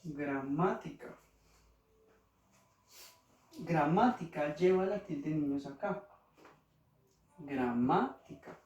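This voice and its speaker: Pitched on the high side and a little mellow, a Colombian-accented male teacher walks children slowly through spelling rules, patiently saying every example word again. A distant mic captures the roomy space along with faint noise.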